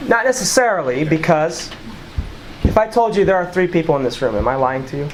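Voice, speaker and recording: In a small room full of listeners, a man with a fairly high voice runs an informal Bible study, animated and brisk as he reads scripture aloud and explains it in a chatty way. Background noise can be heard.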